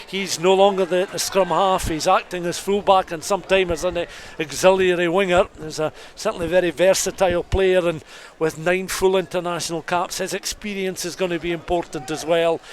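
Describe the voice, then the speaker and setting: A man with a high-pitched, steady voice at normal speed gives detailed, descriptive live play-by-play rugby commentary for radio, setting the scene carefully. He's outdoors at a rugby stadium, with crowd noise behind him.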